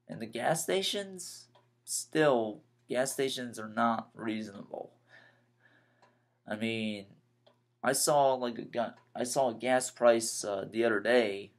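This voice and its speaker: A nineteen-year-old man talking in a rambling personal vlog, halting and repeating himself as he vents his frustrations. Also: medium pitch. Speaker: vlogger.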